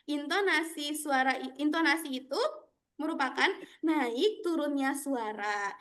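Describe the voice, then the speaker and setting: A young woman teaching children storytelling on a video call, with bright, animated, sing-song talk. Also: high-pitched, a little slow. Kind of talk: online class for kids.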